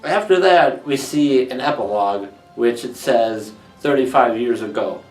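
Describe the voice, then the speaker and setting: Male reviewer, casual recap, jokey, roomy and distant, music bed. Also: medium pitch. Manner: joking, acts out characters in quick throwaway voices. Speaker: TV episode reviewer.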